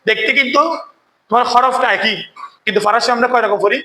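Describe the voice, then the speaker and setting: Bright, high-voiced male recitation teacher. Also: steady tone, roomy sound, rough recording. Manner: quizzes students, often asks "কেমন?" to check understanding; chants verses slowly when demonstrating recitation. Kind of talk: classroom tajweed lesson.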